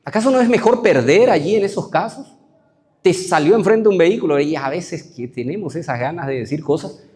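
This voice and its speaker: A man's voice: a little high, animated, a little fast, mellow, breathy edge. A man with a Paraguayan Spanish accent, a pastor preaching a conversational sermon full of rhetorical questions.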